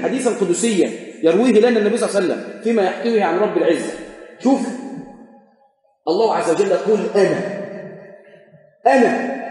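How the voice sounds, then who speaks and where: A man with an Egyptian Arabic accent preaching a sermon, telling stories and acting out the exchanges, swinging between loud and hushed. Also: high-pitched. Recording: echoey hall.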